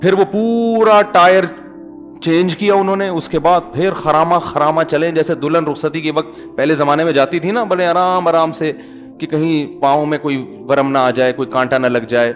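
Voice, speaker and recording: A man's voice: fairly high pitch, fairly even intonation, soft background music. A middle-aged man, a preacher telling humorous anecdotes to his listeners in a chatty religious talk. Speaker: Islamic scholar and preacher.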